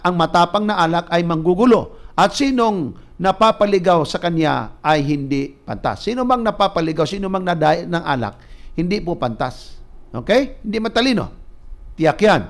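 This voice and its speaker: High-voiced Filipino preacher man. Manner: animated storytelling, rising loud for emphasis; reads scripture aloud, mixes in English. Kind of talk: sermon. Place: church or ministry broadcast.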